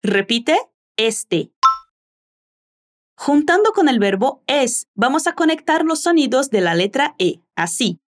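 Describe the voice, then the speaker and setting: A woman hosting a language lesson, slowly and carefully modeling phrases for listeners to repeat. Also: high voice, big pitch swings. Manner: slow, careful modeling of pronunciation. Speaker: language teacher and host. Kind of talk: language lesson with repetition drills.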